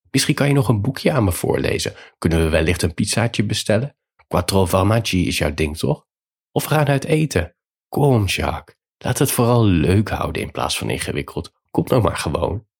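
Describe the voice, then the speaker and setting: Flippant married lover, teasing and evasive, deep gravelly voice, read by a man. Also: big pitch swings, normal speed, full character voice. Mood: coaxing. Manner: coaxing, teasing.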